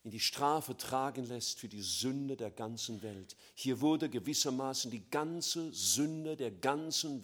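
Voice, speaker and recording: A man preaching a sermon, swinging between loud emphatic lines and quiet, low, slow passages.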